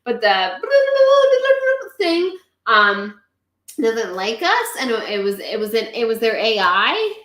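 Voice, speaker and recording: A tipsy woman in a casual movie review chat, rambling and animated, swearing and drawing words out. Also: mid-range voice. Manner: tipsy, drawn-out, rambling delivery. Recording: roomy echo.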